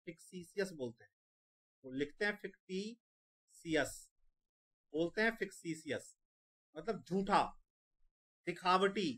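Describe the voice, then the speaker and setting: Here a high-voiced man, a bit bright in tone, drills exam vocabulary. He repeats every word slowly several times and spells each one out letter by letter.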